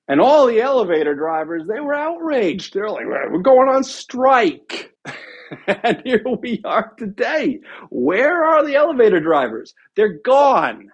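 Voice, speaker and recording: A husky host's voice swings widely in pitch while spinning casual commentary. The delivery is lively and storytelling, full of restarts and wry asides. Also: dull audio. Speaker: video host.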